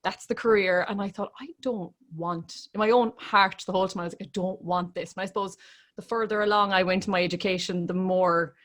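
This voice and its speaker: A woman's voice: mid-range voice, steady tone, quick pace, fairly bright tone. A woman with an Irish accent speaking as an interview guest, telling her story in a candid, reflective, conversational way. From Ireland. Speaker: interview guest, classical crossover singer.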